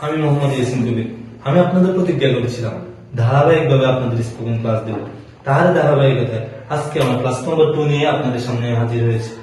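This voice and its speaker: A man's voice: medium pitch, racing, a little mellow, heavy reverb, far from the mic, slight background noise, poor audio. A man teaching spoken English pronunciation. He spells words out letter by letter and answers his own questions. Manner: repeats answers in call-and-response questions. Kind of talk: classroom lesson.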